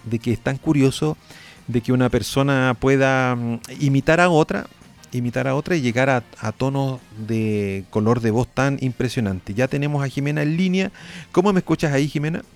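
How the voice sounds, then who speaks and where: A man hosts a radio interview, chatting conversationally and dropping quick affirming interjections. Faint music sits under his voice. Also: medium pitch, darkish tone. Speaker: radio host.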